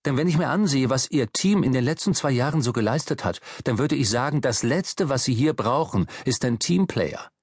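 A man's voice: medium pitch, lively intonation, normal speed, hardly any pauses, slightly rough, dry recording, clean studio sound. A man reading an audiobook, voicing a desperate middle-aged man who pleads and then hurls insults in a raised voice. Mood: defiant.

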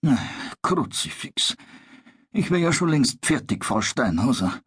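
Raspy old carpenter. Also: male voice, mid-range voice, very animated, unhurried, fairly bright tone, heavily acted. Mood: exasperated. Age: older. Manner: grumbling, exasperated oaths. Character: kindly old master carpenter, easily flustered.

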